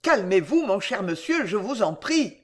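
A reader voicing an anxious little male lawyer who pleads slowly for calm, in an audiobook. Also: mid-range voice. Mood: pleading. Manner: slow, pleading, repetitive. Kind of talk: audiobook character voice.

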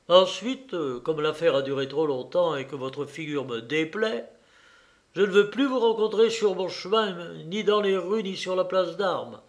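A man voicing an excitable, boastful fencing master in an audiobook, loud and theatrical. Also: high-pitched. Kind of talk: audiobook character voice.

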